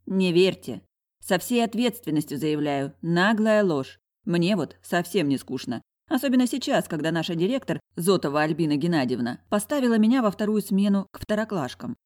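A woman's voice: on the low side, expressive, normal speed, darkish tone. Wry, confiding woman narrator. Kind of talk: first-person audiobook narration.

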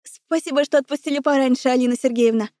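A warm, caring assistant, sisterly and a little older, voiced by a woman narrator. She speaks gently and apologetically in a high, mellow voice. The audiobook recording is close and dry. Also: fast, no echo, natural voice. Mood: grateful. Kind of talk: audiobook character voice.

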